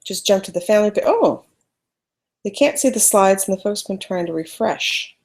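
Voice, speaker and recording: A woman teaches photography in a casual live webinar, her loud voice lively and at normal speed and medium pitch. Speaking through a computer mic, she chats her way through screen-sharing trouble.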